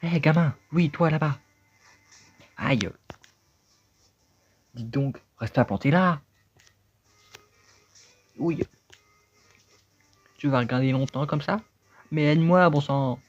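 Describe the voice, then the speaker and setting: A man's voice: fairly high pitch, takes it slowly, long pauses, voice pushed up. [name], a man doing a bossy talking cap. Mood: indignant. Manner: bossy, impatient, indignant. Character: fussy talking magic cap, grumpy old male. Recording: dull lo-fi sound with game music.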